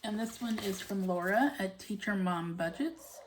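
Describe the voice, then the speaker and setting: A woman casually narrating a hands-on task as a video host, unhurried and often counting to herself, in a noisy home recording. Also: medium pitch. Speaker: budgeting channel host. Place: at home, indoors.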